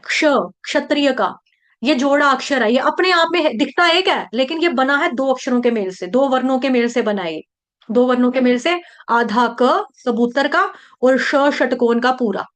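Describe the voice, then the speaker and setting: A woman from India teaching the recitation of a verse, slowly breaking words into syllables and repeating each one many times. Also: high voice, fairly bright tone. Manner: chants verse lines slowly. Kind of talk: patient pronunciation lesson, syllable by syllable.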